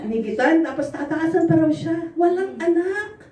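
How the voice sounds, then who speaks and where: A woman preacher giving an animated sermon full of personal stories, laughing often and acting out what people said. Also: very high voice, normal speed. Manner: animated, laughs often, acts out quoted dialogue. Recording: roomy echo, voice from far off.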